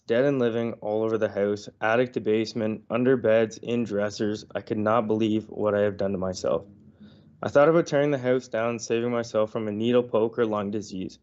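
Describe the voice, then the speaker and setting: A man who is feeling unwell, reading a prepared statement to a council committee in an earnest, slightly halting way over a remote call. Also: on the low side, a little mellow. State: unwell, under the weather. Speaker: property owner presenting to council. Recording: dull lo-fi online audio.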